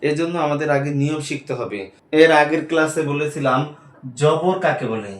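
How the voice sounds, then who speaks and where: Male teacher, patient drilling of letter sounds, slightly high voice, roomy echo. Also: normal speed. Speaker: teacher of Quran reading. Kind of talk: classroom lesson. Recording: echoey room.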